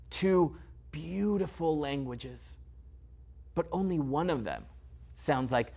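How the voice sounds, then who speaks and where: In a mid-range voice, a man delivers theatrical spoken word, telling a story with a dramatic rhythm and sharp swings in loudness.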